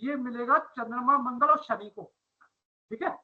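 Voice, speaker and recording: A man's voice: extremely high pitch, normal speed, narrow, tinny audio. A male teacher explaining a calculation step by step over a video call, his audio choppy and breaking up. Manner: explains step by step, checks understanding. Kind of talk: online class explanation.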